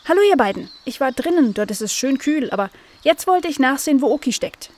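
Touchy little animal girl, high and whiny, sulks easy, lady doing it, storybook. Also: lively intonation, brisk, a little mellow. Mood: peevish. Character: touchy young female animal, quick to sulk.

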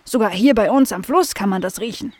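A woman voicing a calm, helpful male beaver in a children's audio story, easygoing in manner. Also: medium pitch, brisk, no room sound, lightly acted.

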